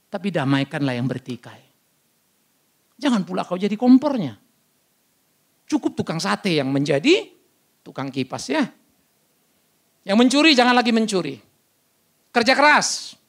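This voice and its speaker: Loud animated Batak pastor, gravelly. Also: male voice, high-pitched, normal speed, long pauses. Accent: Batak Indonesian. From North Sumatra, Batak. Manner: loud, blunt, animated storytelling with sudden shouts. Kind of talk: sermon. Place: church service.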